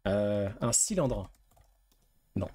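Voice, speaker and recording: A man's voice: lowish voice, lively intonation, slow, dark tone, slightly rough, no echo. A man streaming a quiz game, reading questions aloud, guessing and swearing casually. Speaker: gaming streamer.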